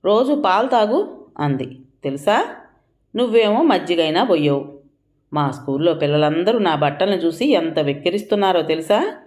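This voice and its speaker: A woman voicing a hungry, sulky six-year-old girl who whines in a quick, tearful way. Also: lowish voice, expressive, a little mellow, natural voice.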